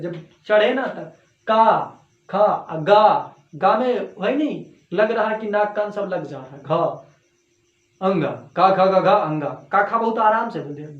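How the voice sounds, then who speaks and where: A male Hindi teacher giving an online class lecture, drilling students with repeated questions and answers. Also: high-pitched. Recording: echoey, dull lo-fi room sound.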